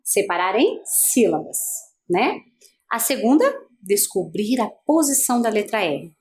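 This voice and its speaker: A woman's voice: medium pitch, big pitch swings, measured pace, darkish tone. A female teacher with a Brazilian Portuguese accent, giving an adult-education video lesson, patient and asking many guiding questions.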